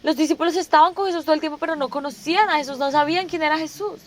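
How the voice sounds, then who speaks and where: A woman's voice: high-pitched, very fast, a little hiss or hum. A woman preaching a sermon, asking rhetorical questions and restating each point several times. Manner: asks the listeners rhetorical questions.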